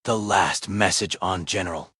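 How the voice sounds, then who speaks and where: A man's voice: low voice, moderate pace, sharp tone, slightly rough, no room sound, studio quality. A synthetic male voice reading out livestream chat messages.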